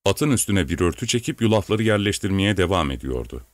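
Deep-voiced man reading an audiobook. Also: big pitch swings, a little fast, dry recording. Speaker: narrator.

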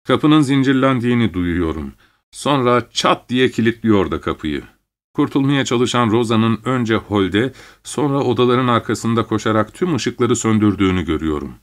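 A man narrating a literary story in the first person, reading at a measured pace. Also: mid-range voice, animated.

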